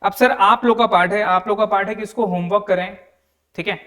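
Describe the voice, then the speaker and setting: In a high, fairly bright voice with a steady tone, a young male tax tutor moves fairly quickly through a problem, step by step, in an online lecture. His manner is conversational; he repeats the figures and calls the students "sir."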